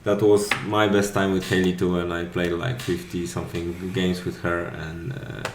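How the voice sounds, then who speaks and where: Lower-voiced Polish-accented man in an echoey room. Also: completely flat delivery, moderate pace. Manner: hesitant, many "uh" fillers. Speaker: podcast host. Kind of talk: casual discussion. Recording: echoey room with faint noise.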